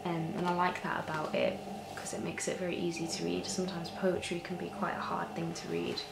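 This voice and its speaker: A woman in a soft-spoken ASMR whispered role-play as a librarian, talking in a hushed, gentle, hesitant way that nears a library whisper. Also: lowish voice, level tone, fairly quick. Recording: roomy echo with clear background noise.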